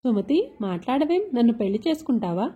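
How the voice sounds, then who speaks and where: An earnest young husband making gentle, sincere promises, as a woman reads him aloud in a lively, mellow, slightly husky voice. The recording is dull and lo-fi. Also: on the high side, brisk. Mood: playful.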